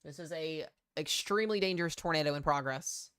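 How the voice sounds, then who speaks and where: Clear-voiced man calling live storm coverage. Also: on the high side, fairly quick, a bit bright. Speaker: severe weather livestream host.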